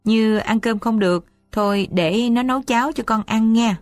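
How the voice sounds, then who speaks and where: A woman voicing a worried mother who gently coaxes and soothes her daughter, in a dry storybook reading. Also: fairly high pitch, normal speed, dry recording, soft background music, lightly acted. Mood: coaxing. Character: worried, tender older mother of the house.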